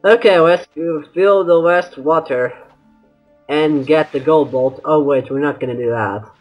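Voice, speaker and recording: A man's voice: a little high, measured pace, dull audio. A man giving casual, bantering gameplay commentary as a let's-play host, sometimes mock-exasperated. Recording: game music behind. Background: video game music.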